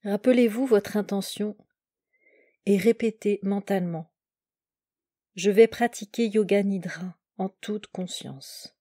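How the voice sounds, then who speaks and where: Guiding a relaxation meditation, a woman who teaches yoga nidra speaks in a mellow, soft mid-range voice. Her calm directions come very slowly, phrase by short phrase, in a close, dry recording without any echo.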